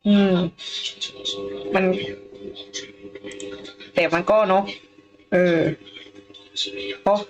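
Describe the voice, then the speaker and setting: A woman's voice: medium pitch, level tone, very slow, long pauses, highs cut off. A woman co-hosting a news talk show, thinking aloud in a casual panel discussion with frequent hesitations.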